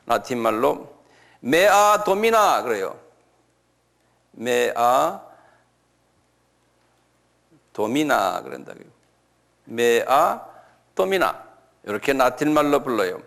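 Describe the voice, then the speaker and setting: Slow-talking Korean pastor lecturing. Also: male voice, mid-range voice, creaky, a bit bright. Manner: asks the listeners questions and answers them himself; repeats key words slowly. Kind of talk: sermon-style Bible lecture.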